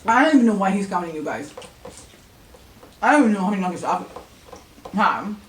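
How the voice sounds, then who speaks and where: A woman vlogger chats casually and teases her partner during an eating challenge. Her medium-pitched voice is very animated and fairly quick, with a little hiss or hum, recorded in an echoey room with the mic at a distance.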